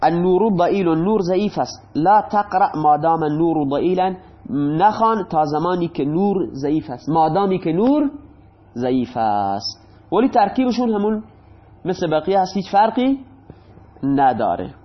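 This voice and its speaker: Man teaching grammar, repeats stuff, asks then answers himself, pretty high voice. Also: big pitch swings. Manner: patient, repeats examples, poses questions then answers them. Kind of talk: grammar lesson. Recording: dull lo-fi recording.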